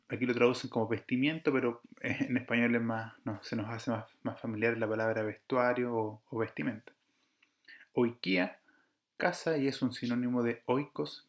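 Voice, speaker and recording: A man teaching an online Greek grammar lesson, explaining patiently step by step, correcting himself now and then and checking with his students. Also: mid-range voice. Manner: addresses students directly, asks rhetorical checks.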